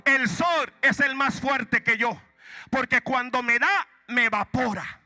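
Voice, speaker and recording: A man's voice: very high-pitched, takes it slowly, sharp tone, no room sound, soft background music, exaggerated voice. A man voicing laughing, dismissive water.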